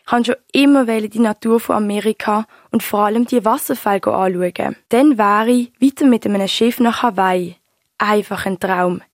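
A woman's voice: medium pitch, normal speed, dry recording, studio quality, lightly acted. A woman playing an older Swiss grandmother who fondly tells her grandchild how she met her husband, speaking with a Swiss German accent. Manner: warm, storytelling, fond reminiscing. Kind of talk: radio-play storytelling.

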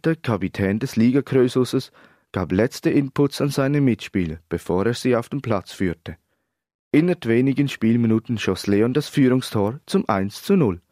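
A man's voice: mid-range voice, dark tone, no room sound, studio quality. Man reading a story aloud. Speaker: narrator.

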